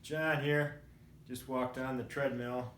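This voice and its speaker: A man in his sixties telling personal stories in a casual, rambling and reflective way, often halting mid-thought. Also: medium pitch, fairly even intonation, a bit bright. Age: 60s. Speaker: vlogger. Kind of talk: casual personal storytelling to camera. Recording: roomy echo, faint background noise.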